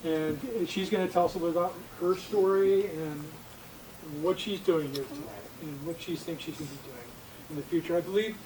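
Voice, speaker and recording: A man hosting, introducing a speaker in a halting, informal way. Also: on the high side, a little mellow, poor audio. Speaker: host.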